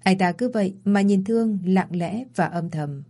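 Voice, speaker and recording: A woman narrating a first-person audio story at a steady storytelling pace. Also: medium pitch, normal speed.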